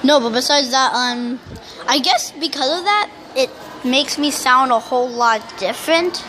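A youngster who can't pronounce R's, saying w instead, rambling loudly through casual gameplay commentary. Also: sits high, moderate pace, background noise. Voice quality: speech impediment, cannot say R's correctly, says w for r. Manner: rambling, self-described loud talker. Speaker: YouTuber.

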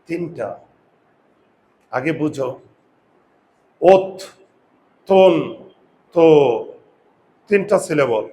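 A man teaches a class, firing questions at his students. He drags out sounds slowly to demonstrate them. His voice sits a little higher than most men's. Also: darkish tone, slight background noise. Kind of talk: classroom lesson.

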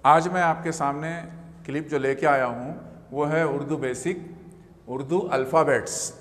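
A man's voice: fairly high pitch, steady tone, measured pace. A man teaching a beginner Urdu alphabet lesson. He patiently repeats each letter sound several times and mixes English words into his explanations. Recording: long reverberant room echo.

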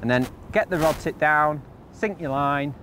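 With a little hiss or hum in the recording, a man whose voice is a little high and a bit bright explains a fishing setup at a measured pace. He's a channel host and angler demonstrating rigs outdoors by a lake on a windy day, giving practical, chatty step-by-step instructions.

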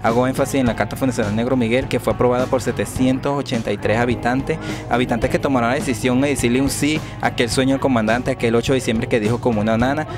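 A man speaking as a community spokesman in an outdoor street interview, earnest and quick, with restarts, into a handheld mic. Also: medium pitch, fairly even intonation, over music. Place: outdoors at a rural community meeting. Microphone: handheld reporter mic.

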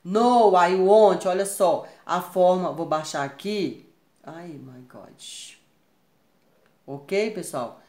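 A woman's voice: lowish voice, slow pace, dark tone. A Brazilian woman teaching English grammar in a recorded class, patiently checking in with her students after each point. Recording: echoey room.

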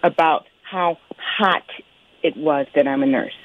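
A woman's voice: low-pitched, measured pace. Blunt woman on a tinny phone line. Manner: blunt, frank and exasperated. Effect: heard over a speakerphone line. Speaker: caller, nurse at a pediatrician's office.

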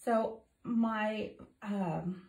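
A medium-pitched, somewhat mellow voice at a very slow pace belongs to a middle-aged art teacher who talks through a painting project as she works, chatty and peppered with ums. Recent illness has left her voice a little off. In her home art studio, the overhead phone camera catches her from off to the side, giving echoey, off-mic sound for this casual tutorial.

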